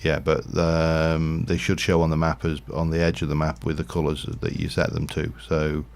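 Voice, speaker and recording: A man's voice: very deep voice, completely flat delivery, moderate pace, vocal fry. A man casually commentating his Minecraft livestream, rambling and thinking aloud with lots of fillers. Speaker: streamer.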